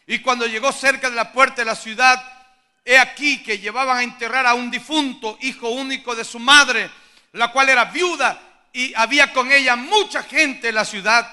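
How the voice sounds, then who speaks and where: A middle-aged man preaching a sermon as pastor, impassioned, moving from hushed storytelling to shouted appeals. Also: extremely high pitch, moderate pace, clear, resonant tone.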